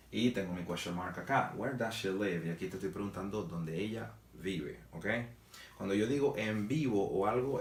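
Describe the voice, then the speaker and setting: A man teaching a video lesson in a blunt, plain-spoken way, swearing casually as he explains. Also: sits low. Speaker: English teacher. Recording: echoey room, a bit far from the mic.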